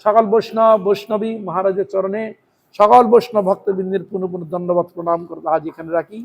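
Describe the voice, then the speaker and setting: A man's voice: sits high, little pitch movement, a little fast, vocal fry. A man who preaches by telling a devotional story, acting out its dialogue, and closes by chanting. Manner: acts out dialogue in his story, ends with chanting. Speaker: Vaishnava preacher.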